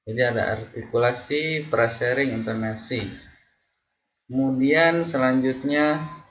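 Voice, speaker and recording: Slow-talking male music teacher. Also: mid-range voice, fairly even intonation, fairly bright tone, dull audio, slight background noise. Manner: slow, patient explaining, sings short examples, many fillers. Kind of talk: casual online singing lesson.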